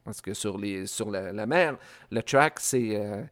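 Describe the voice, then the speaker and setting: A man's voice: on the low side, slow pace, a bit bright. A man with a Québécois French accent hosting a music radio show, chatting casually between songs with many hesitations and fillers. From Quebec. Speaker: radio host.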